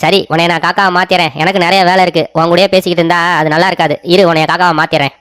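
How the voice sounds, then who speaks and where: A man's voice: high-pitched, flat delivery, rapid-fire, fairly bright tone, smooth, no room sound, studio quality. Man as an impatient old cartoon sage. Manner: impatient, boastful. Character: grumpy old forest sage.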